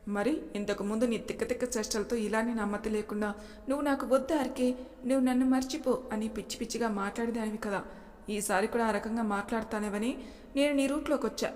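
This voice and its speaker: A woman's voice: fairly high pitch, steady tone, a little fast, close to an everyday voice. Mocking young male lover, read by a woman narrator, echoey. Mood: tender, teasing. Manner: sharp, mocking, then tender. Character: angry teasing young man, lover. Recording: long reverb.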